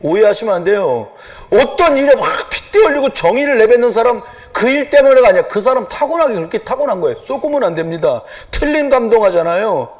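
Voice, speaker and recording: A man preaching a sermon as a pastor, moving from hushed asides to loud urging. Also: extremely high pitch. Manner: lively, swings from hushed asides to loud exhortation. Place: church sanctuary.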